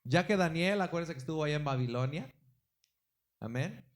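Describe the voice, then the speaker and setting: A man's voice: fairly high pitch, expressive, moderate pace. A man preaching a Sunday sermon in a church service, emphatic, with swings in volume and frequent exclamations to the congregation. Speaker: pastor.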